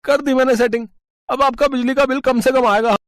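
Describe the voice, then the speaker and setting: A man's voice: very high-pitched, fairly even intonation, a little fast, pitched above the performer's own voice. A man voicing a greedy, sly young electrician in a cartoon, wheedling and fawning with chuckles. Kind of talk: cartoon voice acting.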